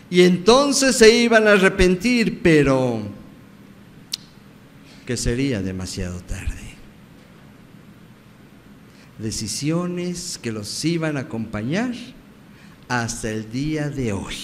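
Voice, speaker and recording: A man with a Mexican Spanish accent preaching a sermon as pastor, swinging from loud emphasis to hushed words. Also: a little high. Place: church sanctuary. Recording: church hall reverb, faint background noise.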